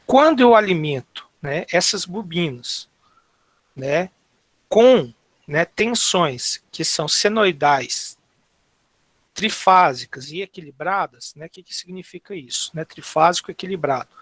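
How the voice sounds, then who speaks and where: A man from Brazil giving an online university engineering lecture, halting and filling nearly every phrase with tags and restarts. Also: high-pitched, lively intonation, a bit bright, no echo.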